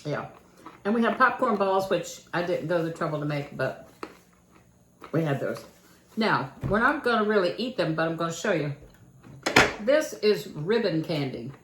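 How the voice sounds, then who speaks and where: An older woman with a Kentucky accent talks through a homey vlog in a folksy, chatty way. Her voice sits a little low and rings out in an echoey room with faint noise in the background. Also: animated, moderate pace, pauses often. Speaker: channel host. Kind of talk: casual home vlog chat.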